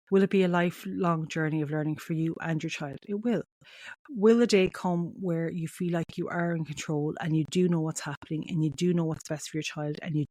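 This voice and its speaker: A middle-aged Irish woman with a west of Ireland, County Mayo accent speaks quickly in a lowish register for a woman. She talks straight to the listener in a heartfelt, reassuring podcast style, recorded close and dry. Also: darkish tone, no echo. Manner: reassuring, addresses listener directly, asks and answers own questions. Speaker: podcast host. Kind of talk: heartfelt solo podcast talk to parents.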